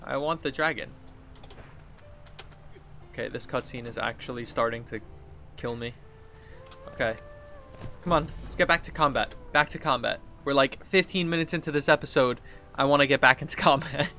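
With game music underneath, this streamer in his thirties talks through his play in a loose, joking way, hamming up the read-outs and getting exasperated fast. The pitch is medium and the pace normal, though he pauses often, and his tone sounds pushed and bright.

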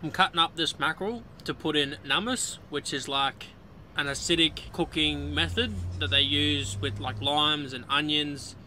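A man, narrating his spearfishing outing in a relaxed, explanatory voice-over. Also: fairly high pitch, normal speed, slight background noise, low-quality recording. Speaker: vlog host narrating.

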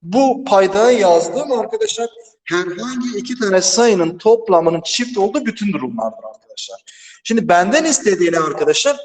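A man with a high-pitched, slightly mellow voice teaches math with animation at a normal pace in a large classroom with no one in it. Patient and methodical, he keeps asking "right, friends?" as the empty hall echoes his voice heavily.

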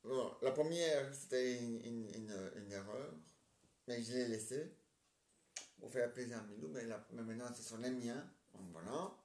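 Alone in a roomy, echoey home recording, a man plays every role in a homemade play he wrote. His voice is medium-pitched and darkish at a moderate pace, and his delivery rambles and hesitates with many filler tags.

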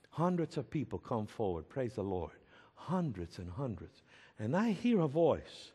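A man delivers a sermon as a pastor, telling his story in a slow, deliberate way. His voice sits at a middle pitch and swells into emphatic shouts at the high points. A long reverb trails behind him, as in a large hall. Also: slightly rough.

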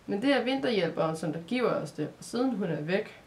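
Woman voicing Raijin, a gentle sad creature. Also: mid-range voice, expressive, lightly acted. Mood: patient explaining. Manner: patient, explaining, soft-spoken. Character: male hibernating creature, gentle, sad, secretive.

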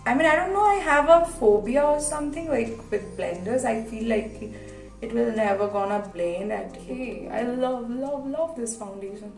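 A woman's voice: a little high, normal speed, a little mellow, faint music behind. A woman in her twenties with an Indian accent chats casually as a vlogger, often repeating words for emphasis. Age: 20s. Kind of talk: casual chatty vlog talk. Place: hotel room and small tiled hotel bathroom. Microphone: phone propped a short distance away. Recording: echoey tiled bathroom, distant phone mic.

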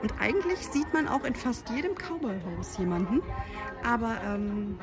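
Chatty woman vlogging over loud music. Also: fairly high pitch, very animated, normal speed. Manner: chatty, upbeat, filming while walking. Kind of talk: casual vlog tour. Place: outdoor holiday park and indoor restaurant. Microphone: handheld phone camera.

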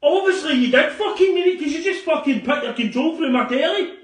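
A man with a Scottish accent, swearing and shouting in outrage at someone. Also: very high voice, animated, brisk, reverberant, far from the mic. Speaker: angry homeowner in a prank clip.

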